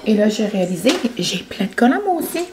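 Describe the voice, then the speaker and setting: A woman with a Quebec French accent chatting casually at home for her vlog, excitable and dropping English words into her talk. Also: mid-range voice, fast talker, background noise. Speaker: vlogger. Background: background music.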